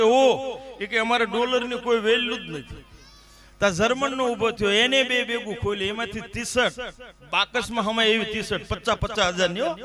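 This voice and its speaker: On a stage before a live crowd, a very high-pitched man performs as a dayro storyteller, spinning comic folk tales. He tells jokes with lots of animation and acts out the quoted dialogue himself, and the live recording picks up the crowd around him.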